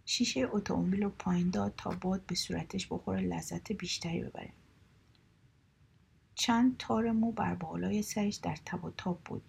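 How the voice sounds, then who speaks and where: A woman narrating short stories in a calm, steady, conversational reading voice. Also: medium pitch, gravelly, breathy edge. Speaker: story reader. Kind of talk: colloquial storytelling narration.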